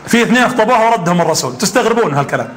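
A man's voice: high-pitched, very animated, racing, fairly bright tone. A man preaching a sermon, telling stories with animation and quizzing his audience.

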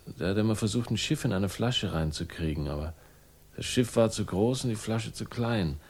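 Voicing a jaded, sardonic character with a troubled past for a 1960s German radio crime drama, this actor speaks tersely in fragmented, wry bursts, with a dreamy, uneasy air. His fairly low voice is darkish with a breathy edge, with lively intonation and a moderate pace.

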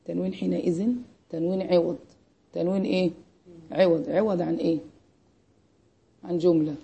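This Egyptian teacher's voice is on the low side, level, and brisk, with a creaky, warm quality and a breathy edge. Her Arabic grammar lesson runs on call-and-response, as she quizzes students again and again with "what?"

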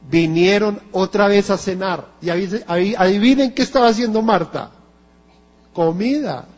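A man with a Colombian Spanish accent preaching a sermon in a church, slow and emphatic, asking the congregation rhetorical questions. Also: high-pitched. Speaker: pastor. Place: church hall. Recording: lo-fi church recording with long reverb and mains hum.

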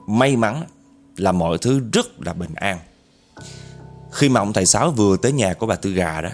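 A man telling a horror story in a chatty, dramatic way, often addressing his listeners directly. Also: on the low side. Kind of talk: casual spoken horror storytelling.

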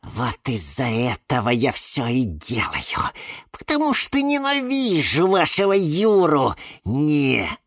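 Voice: mid-range voice, big pitch swings, a little slow, fairly bright tone, no echo, studio quality, pitched above the performer's own voice, full character voice. A reader voicing a jealous, spiteful female houseplant in a children's audiobook, snide and mocking. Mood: resentful. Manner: snide, mocking, shifting between shrieks and hisses.

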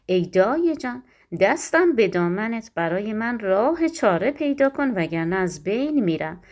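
A woman's voice: medium pitch, sing-song, a little mellow. A woman voicing a young lovesick princess who pleads in a storybook tale. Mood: pleading. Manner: pleading, tearful.

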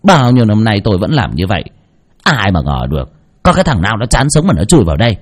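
A man putting on a grumpy old village landowner who protests his innocence with indignation. The voice sits low and grumbles, rising sharply when he gets heated. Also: sing-song, quick pace. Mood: indignant.

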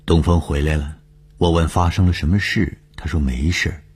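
A man narrating a suspense story in measured, deliberate audiobook style. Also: a bass voice, steady tone, a little mellow, slightly rough.

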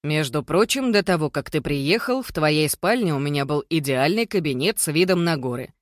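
A courteous middle-aged father, as an audiobook reader puts him on, polite and gently ironic. He speaks evenly and with restraint. Close, dry sound. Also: fairly high pitch, animated, normal speed, no room sound, close to an everyday voice.

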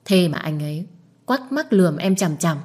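A woman's voice: fairly low pitch, animated, darkish tone, husky. A woman voicing a nosy, blunt young woman who pesters and scolds in an audiobook. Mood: indignant. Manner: pushy, quick to scold. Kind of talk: audiobook dialogue.

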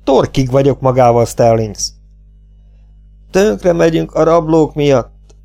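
A man voicing an angry, humiliated middle-aged town sheriff who talks loud and exasperated, with a gravelly voice and faint music behind. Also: mid-range voice, expressive. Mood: furious.

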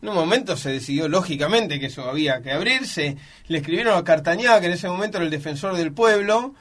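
A man's voice: high voice, lively intonation, quick pace, fairly bright tone. A man with an Argentine accent, a joking radio sports panelist who tells anecdotes and acts out quotes. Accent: Argentine Spanish. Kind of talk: comic sports chat. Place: radio studio.

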